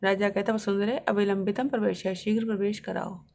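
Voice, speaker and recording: A woman teacher reading Sanskrit lines and explaining each one, in a steady line-by-line lesson. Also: mid-range voice, fairly quick, gravelly.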